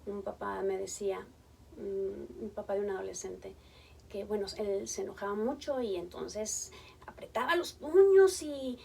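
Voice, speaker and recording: A woman's voice: medium pitch, creaky, distant mic, a little hiss or hum. A woman, a family therapist telling stories from her practice to parents and acting out the voices in them. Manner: warm storytelling, acts out quoted voices. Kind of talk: talk to parents.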